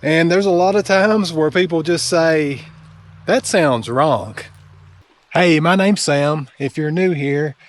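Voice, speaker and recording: A man's voice: on the high side, steady tone, measured pace, hardly any pauses. A man with an eastern Kentucky Appalachian accent, talking casually and conversationally to his viewers as a folksy channel host. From eastern Kentucky, Appalachian Mountains. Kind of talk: casual explainer talking to camera.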